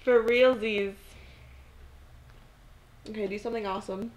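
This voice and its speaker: A woman's voice: medium pitch, steady tone, a little slow. Giggly woman vlogging in an echoey room. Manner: giggly, playful, teen slang. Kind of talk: casual chat.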